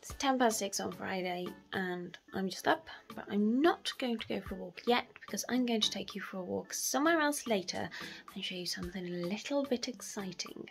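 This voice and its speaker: With soft background music playing, a vlogger speaks in a mid-range voice with some vocal fry at normal speed. She rambles casually through a walking vlog, heavy on "so" and "um," filming on a phone at arm's length both outdoors on town streets and indoors at home.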